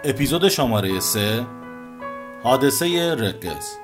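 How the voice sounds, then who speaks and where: Man, podcast host, first-person storytelling, expressive, very lively pitch, mid voice. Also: music in the background. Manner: expressive, recounting events vividly.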